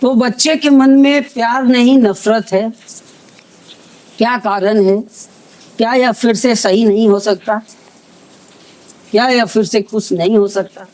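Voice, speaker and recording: A man working as a news reporter, interviewing and then closing with measured rhetorical questions. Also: very high voice, darkish tone, rough recording.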